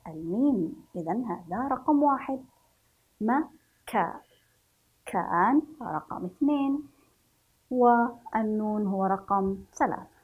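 A woman teaching a children's reading lesson, slowly sounding out each letter and syllable. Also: a little high, breathy edge, narrow, tinny audio. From Yemen. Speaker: primary school teacher.

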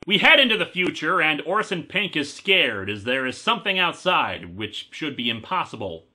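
An enthusiastic man defends his side in a comedic review debate. His voice is very bright and a little high, and his intonation moves lively up and down. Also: moderate pace.

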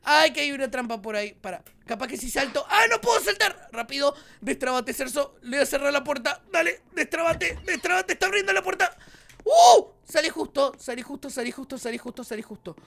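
A man's voice: very high-pitched, lively intonation, a little fast, gravelly, few pauses, sharp tone. A young man with a Rioplatense Argentine accent, commentating his gameplay for viewers and shrieking when startled. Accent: Rioplatense Argentine Spanish. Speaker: gaming YouTuber.

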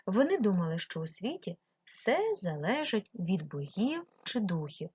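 Ukrainian-accented woman teaching kids remotely; husky, patient, clear stress, dull recording. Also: fairly low pitch, darkish tone, dry recording. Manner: slow, clearly stressed, addresses the child directly. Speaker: primary school teacher. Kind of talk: remote lesson for young pupils.

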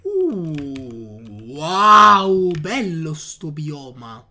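A man giving casual gameplay commentary, chatting to his viewers with excitable outbursts. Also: sits high, measured pace. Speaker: gaming youtuber.

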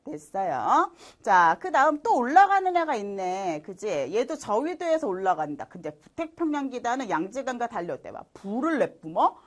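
A woman teaches a middle school science class in an online lecture, her pitch swinging widely as she talks. She chats casually, keeps checking in with rhetorical questions, and laughs easily at her own drawings. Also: moderate pace, few pauses. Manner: lively, chatty, asks students rhetorical questions; laughs at herself while drawing.

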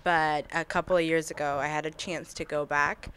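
A woman's voice: low voice, flat delivery, moderate pace, a bit bright, slight background noise. A young woman giving earnest, reflective interview answers on webcam in a small indoor room. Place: small indoor room against a plain wall.

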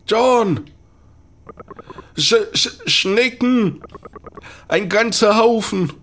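A man's voice: mid-range voice, animated, measured pace, slight background noise, close to an everyday voice. A man voicing a nervous, chatty middle-aged quack doctor, reading game dialogue aloud in a rambling, pleading way. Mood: panicked.

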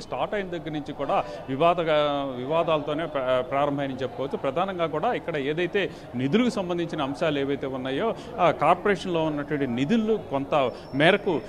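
A man in his thirties giving a live news report from a council hall on a handheld mic, halting, with many fillers and restarts. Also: a little high. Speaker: field reporter. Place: council hall with a crowd around. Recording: noisy live report with crowd behind.

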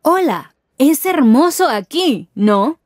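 In a scripted language-lesson dialogue, a voice actress plays a friendly, curious Peruvian woman chatting with a tourist, saying each phrase slowly and then at normal speed. Her high, very animated voice has a darkish tone and is carefully enunciated. The studio-quality recording has no echo, and she commits fully to the character.

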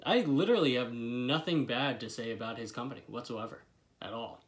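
This is a casual vlog review from a young man in his twenties, speaking a little fast in a medium-pitched voice. He has a lip full of dip, stays laid-back and swears freely while reviewing a product at a desk in his small bedroom.

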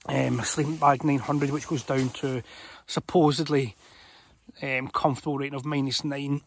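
A middle-aged outdoor vlogger chats casually to a handheld camera held close to his face from inside a small tent, easygoing and full of ums. His medium-pitched voice is level, slightly rough and at normal speed, with no room sound.

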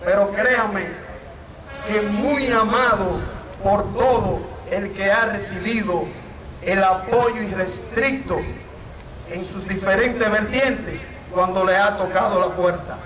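High-pitched Dominican man announcing, echoey. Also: slow. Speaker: master of ceremonies. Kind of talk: formal declaimed tribute announcement. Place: open baseball field. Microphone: stand microphone into PA. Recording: echoey distant PA with crowd.

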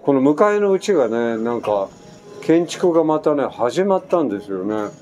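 Faint construction sounds can be heard as a Japanese vlogger in his sixties talks from his island home. Chatty and animated, he tells an anecdote full of side remarks in a mid-range voice at a moderate pace.

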